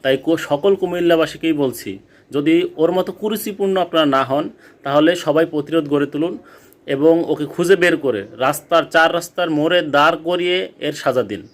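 A man speaks with a somewhat high-pitched voice. His delivery is urgent and indignant as he makes an impassioned appeal to the public. He presses his point in a vlog-style address. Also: brisk. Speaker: vlogger.

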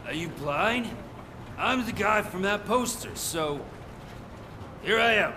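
A man's voice: high voice, lively intonation, slow pace, background noise, exaggerated voice. An actor playing a cocky, impatient male criminal in a video game, pushing for money. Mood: pushy, indignant. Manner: pushy, cocky. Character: brazen, impatient male petty criminal demanding reward money.

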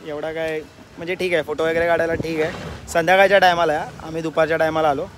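A man's voice: fairly high pitch, level tone, fast, slight background noise. A young man in his twenties chatting casually to viewers in a travel vlog, filmed on a phone held at arm's length outdoors. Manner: chatty, addresses viewers as brothers. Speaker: vlogger. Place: outdoors on a roadside and at a cafe.

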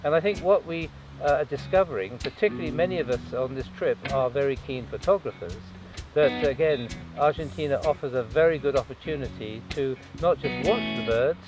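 A man, a birdwatching journalist, answering interview questions outdoors on a lakeside lawn in a measured, enthusiastic way. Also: mid-range voice, low-quality recording.

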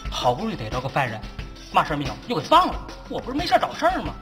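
A fussy, self-important young constable, rattling along. His pitch leaps wildly up and down at a fast clip, with music under the sitcom scene. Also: huge pitch swings. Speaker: town constable. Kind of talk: sitcom acting.

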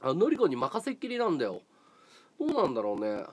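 A man hosting a livestream, chatting casually with viewers in a relaxed way, often chuckling and thinking aloud. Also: on the high side, fast talker. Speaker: livestream host.

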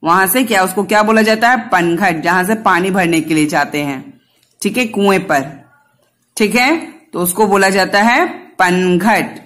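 A woman's voice: mid-range voice, a little slow, fairly bright tone. A woman teacher giving a Hindi lesson to young children, patiently spelling out letters and answering her own questions. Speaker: kindergarten teacher.

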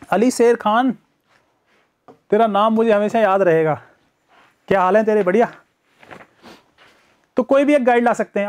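High-voiced male teacher, chatty live lecture. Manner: chatty, greets viewers by name; acts out students' excuses in first person. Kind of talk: live online exam-prep lecture.

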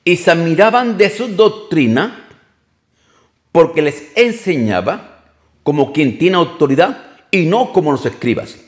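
Slow, animated male preacher. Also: a little high. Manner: emphatic, repeats and corrects phrases as he goes. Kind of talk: sermon.

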